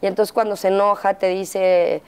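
A middle-aged woman with a Mexican accent telling her story as an interview guest, pausing often with fillers and acting out quotes. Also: mid-range voice, flat delivery, a little mellow, clean tone. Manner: halting, frequent fillers, acts out quotes. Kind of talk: candid interview testimony.

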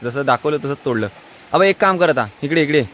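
A man's voice: a little high, animated, brisk, fairly bright tone, a little hiss or hum. A young man from Konkan, coaxing a child through short, repeated instructions outdoors by a stream. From Konkan, India. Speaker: vlogger teaching a child. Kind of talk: casual outdoor vlog.

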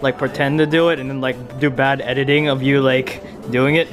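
A man's voice: mid-range voice, little pitch movement, a little fast. A young man chatting casually and jokingly with friends. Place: convention center hallways. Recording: music and crowd noise behind.

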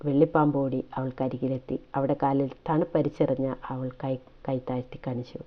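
Woman reading a romance serial out loud, really deep voice, kinda muffled audio. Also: a little fast. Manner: steady, emotive storytelling. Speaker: storyteller.

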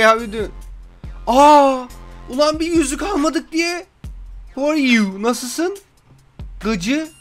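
A young man riffs loudly over a game, his high voice swinging up and down as he jokes and shouts at the screen. His tone is bright and sharp, with faint music playing underneath. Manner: excitable, yells and jokes at the game. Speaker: gameplay commentator. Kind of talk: gameplay commentary.

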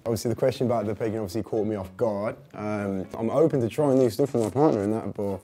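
A man's voice: fairly low pitch, fast talker, mellow, soft background music. A man, chatting in an easygoing, laid-back way on a dating show. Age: 20s. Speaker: speed dating contestant. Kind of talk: casual chat.

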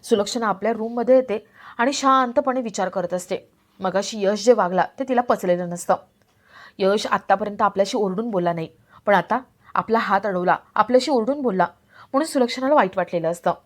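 A woman narrating a television serial episode recap in a steady storytelling manner. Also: medium pitch, brisk.

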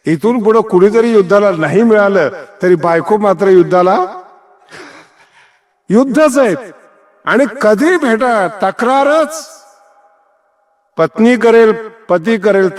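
A man giving a devotional kirtan discourse, telling anecdotes and acting out dialogue with wide swings of tone. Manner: animated, acts out dialogue, swings pitch widely, chuckles. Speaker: kirtan preacher. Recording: long hall reverb.

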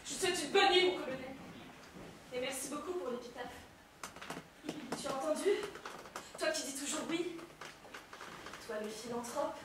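A woman's voice: high-pitched, moderate pace, pauses often, close to an everyday voice. A woman playing a despairing young male soldier back from the war, bitter and accusing on a stage. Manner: bitter, accusing, bursts into shouts. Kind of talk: stage play performance. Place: theatre stage. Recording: echoey hall, mic far off, faint noise.

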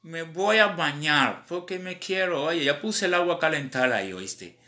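Animated Cuban man, bright voice. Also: fairly high pitch, normal speed. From Cuba. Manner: animated, street slang. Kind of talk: casual live-stream talk.

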